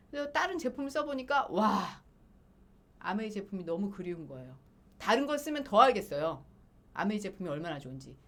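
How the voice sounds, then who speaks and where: Animated middle-aged woman telling a story. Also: mid-range voice. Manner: animated, acts out dialogue in lively voices. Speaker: guest speaker. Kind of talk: storytelling talk to an audience.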